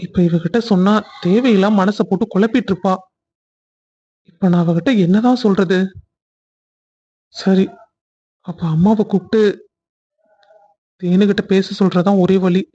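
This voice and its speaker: A man's voice: high-pitched, steady tone, unhurried, long pauses, mellow, muffled recording. A man voicing the husband in a cartoon family story, talking sweetly on the phone and then fretting to himself.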